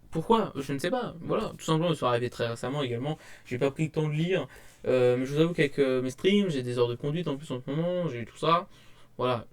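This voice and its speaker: A young man with a fairly high, darkish voice sits at his desk at home and rambles casually through his manga purchases in a haul vlog to camera, recorded on a desk webcam. He calls himself shy and speaks hesitantly, with many fillers and restarts.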